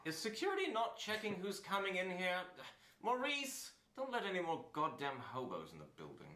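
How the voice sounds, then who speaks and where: A man's voice: high voice, wildly swooping pitch, normal speed, bright, forceful tone, roomy sound, exaggerated voice. A man playing a grumpy, scornful judge scolding contestants in a comedy puppet video. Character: grumpy stern male talent-show judge.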